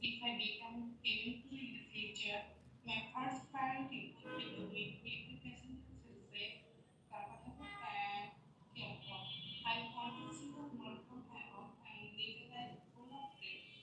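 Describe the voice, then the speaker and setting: A woman's voice: on the high side, extremely slow. Careful Bangladeshi young woman, distant echo. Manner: careful, memorised, even delivery. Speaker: student. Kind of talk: recited self-introduction. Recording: roomy and distant, noisy.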